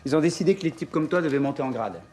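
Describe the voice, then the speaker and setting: Casting: male actor as blunt, sceptical police team leader, fairly high male voice, rapid delivery, TV crime drama. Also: lively intonation, darkish tone, natural voice. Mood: matter-of-fact. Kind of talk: naturalistic TV crime drama acting. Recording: TV soundtrack with background ambience noise.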